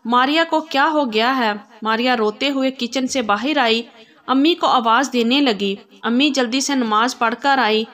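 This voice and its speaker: Woman narrating an emotional story. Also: on the high side. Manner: steady, emotional read-aloud.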